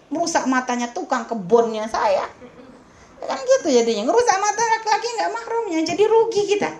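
High-voiced emphatic woman religious teacher. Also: big pitch swings, a little fast, a little mellow. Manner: emphatic, scolding, full of rhetorical questions; addresses listeners familiarly. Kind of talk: religious Q&A lecture.

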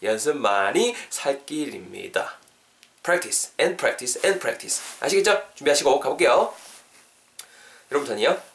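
A man teaching an English lesson in a video, upbeat and coaxing, spelling words out slowly. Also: mid-range voice, expressive, a bit bright.

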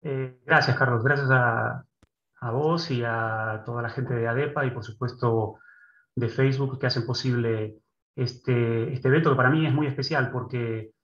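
Middle-aged man from Argentina, measured lecturer, dull lo-fi sound in a roomy space. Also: mid-range voice, fairly even intonation, a bit bright. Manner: measured, thoughtful, with many restarts and filler sounds. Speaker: guest speaker. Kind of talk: lecture presentation. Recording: dull echoey room.

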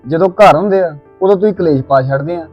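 Man playing a joking Punjabi husband, quick talk, dull lo-fi sound, faint music. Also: on the high side, close to an everyday voice. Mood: teasing. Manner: teasing, relaxed. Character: teasing easygoing young husband.

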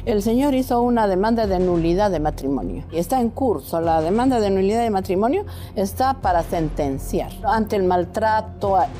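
Mellow-voiced woman giving insistent testimony. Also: mid-range voice, lively intonation, normal speed, hardly any pauses, faint music behind. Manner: insistent, repetitive, with hesitant restarts. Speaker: lawyer and neighbor, show guest. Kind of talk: testimony on a talk show.

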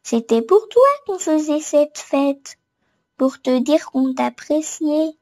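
A woman's voice: high-pitched, expressive, takes it slowly, mellow, full character voice. A woman voicing well-meaning small woodland animals while expressively reading a storybook to a toddler. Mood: reassuring.

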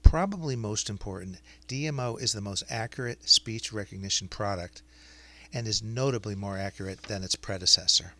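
A man narrating a scripted explainer as a software demonstrator. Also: fairly low pitch, normal speed.

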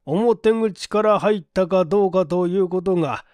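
An actor playing a shrewd, shabby 97-year-old man who talks in slow, folksy old-man speech in an audiobook drama. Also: high-pitched, a little mellow, no room sound, lightly acted. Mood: boastful.

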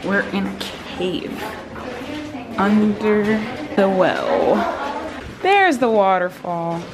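A woman's voice: mid-range voice, lively intonation, drawn-out words, a crowd in the background. A woman vlogging casually as she walks inside a cave, her voice echoing off the walls. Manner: chatty, giggly, amused. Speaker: travel vlogger. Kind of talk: casual vlog chat. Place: inside a cave under a well. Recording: loud background noise.

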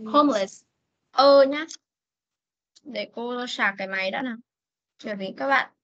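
A woman teaching an English class over a video call, reading sentences slowly for students to repeat and correcting them firmly. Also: a little high, fairly bright tone. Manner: reads English slowly for repetition, scolds firmly. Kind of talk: online class instruction. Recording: dull lo-fi meeting recording.

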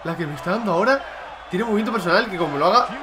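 A young man from Spain with a Spanish accent, giving loud, excited commentary on his own gameplay, shouting and swearing at his opponent. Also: sits high, very fast, background noise. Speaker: gaming YouTuber.

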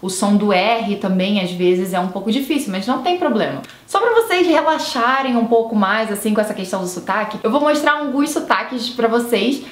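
A woman's voice: fairly high pitch, brisk, hardly any pauses. A young Brazilian woman in her twenties with a Brazilian Portuguese accent, hosting a casual English lesson in a chatty, reassuring way. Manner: chatty, reassuring, with tag questions. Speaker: English teacher and video host. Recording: roomy echo.

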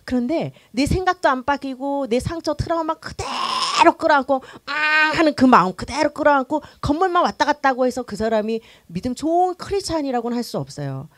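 A middle-aged woman pastor teaching a church class for new members in a lively, conversational way, acting out the quotes she tells. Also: high voice, a little fast, few pauses, no echo. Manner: conversational, animated, acts out quotes.

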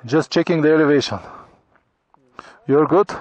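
A middle-aged Bulgarian man talking to his camera on a motorcycle trip, in halting, grateful English full of restarts, recorded outdoors on a helmet or handheld action camera. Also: a little high, no room sound, rough recording. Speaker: motorcycle travel vlogger. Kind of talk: casual travel vlog talk to camera. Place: high mountain pass outdoors. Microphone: action camera on helmet or in hand.

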